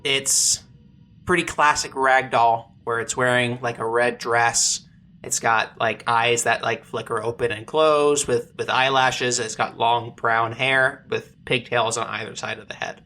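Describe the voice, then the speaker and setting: A game master narrating a comedic tabletop game, describing scenes in plain detail and pausing now and then to search for words. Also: mid-range voice, steady tone, sharp tone.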